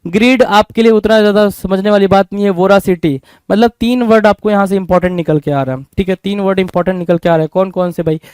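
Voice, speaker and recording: A man with an Indian accent teaches vocabulary for an exam course. He drills each word, asks a question and answers it himself. His high, smooth voice is recorded close and dry. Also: steady tone, fast talker, few pauses, darkish tone, no echo. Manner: repetitive, drilling. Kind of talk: online exam-prep vocabulary lesson.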